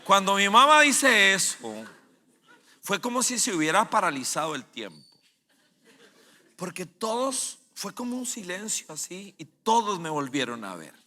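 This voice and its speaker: A male pastor preaches with vivid storytelling. His voice is high for a man and very bright and forceful, and he swings from loud bursts to hushed, low phrases. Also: sing-song, unhurried. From Costa Rica. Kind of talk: sermon.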